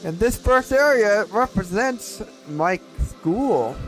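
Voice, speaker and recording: A man's voice: sits high, expressive, slow, a bit bright, low-quality recording. A man giving casual commentary while playing a video game. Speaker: gamer narrating play. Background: game music.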